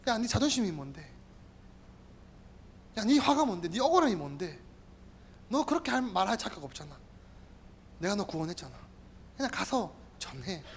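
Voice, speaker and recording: A male pastor voicing God as a stern but loving voice that questions and urges a prophet, in a quieter tone, with music behind. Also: high voice, very animated, moderate pace, pauses often, a little hiss or hum, voice pushed down. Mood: rebuking. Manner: blunt, questioning, speaks down to the listener. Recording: instrumental music playing behind.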